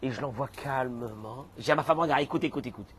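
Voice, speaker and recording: A man, a rabbi, giving a lively sermon that talks straight to his listeners and mixes in Hebrew terms. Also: medium pitch, fast talker, slight background noise. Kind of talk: animated sermon.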